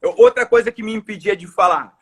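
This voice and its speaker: Brazilian male coach, high husky voice, earnest emphatic podcast chat. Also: fairly quick, a bit bright. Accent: Brazilian Portuguese. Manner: earnest, emphatic, repeats phrases for stress. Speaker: coach and course speaker. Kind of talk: casual podcast conversation.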